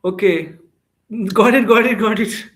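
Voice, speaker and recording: A man's voice: high-pitched, a little slow. A young man from India with an Indian English accent, chatting casually with viewers as an English-speaking coach on a live stream and reading their comments aloud.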